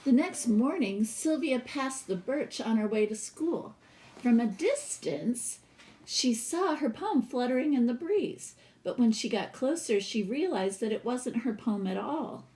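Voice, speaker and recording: A teacher with a slightly high, expressive voice and a dark tone reads a children's story aloud with plenty of feeling. She pauses now and then for casual asides explaining the pictures to her listeners.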